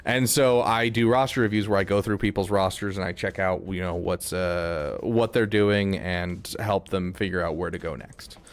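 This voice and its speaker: A male streamer talks casually while playing a game, rambling and filling gaps with ums and uhs. His voice sits fairly low, and he keeps things loose and chatty as he explains himself to his viewers. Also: steady tone, moderate pace, few pauses. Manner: rambling, filler-heavy, chatty. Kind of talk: casual gaming stream chat.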